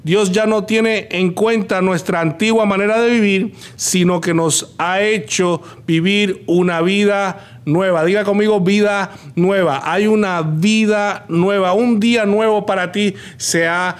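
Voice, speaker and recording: A man's voice: high voice, steady tone, measured pace, hardly any pauses, clear, resonant tone. A man preaching a motivational sermon on his podcast, emphatic, repeating key lines and speaking straight to the listener.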